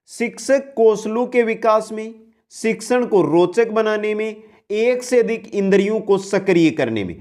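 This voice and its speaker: A male teacher with a fairly high voice runs through quiz questions at a steady clip. He restates each question, explains it briefly, and names the right option. He speaks directly to his students as friends. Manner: brisk quiz-answering, repeats the question then gives the answer; often addresses listeners as friends. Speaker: exam-prep teacher. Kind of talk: online exam-prep lesson.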